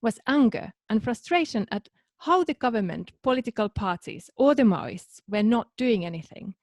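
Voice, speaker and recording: Calm woman researcher from Finland. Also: fairly high pitch, normal speed, dry recording. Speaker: researcher and podcast co-host. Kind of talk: scripted podcast narration.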